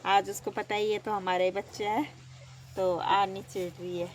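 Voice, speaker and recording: A woman from Uttarakhand with an Uttarakhandi Hindi accent vlogging her village life outdoors, chatting to viewers and calling loudly to her cows. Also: medium pitch, flat delivery, normal speed, slight background noise. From Uttarakhand, India. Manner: chatty, switching to loud coaxing when calling her cows. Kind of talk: casual daily-life vlog narration. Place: outdoors around a village home and cowshed.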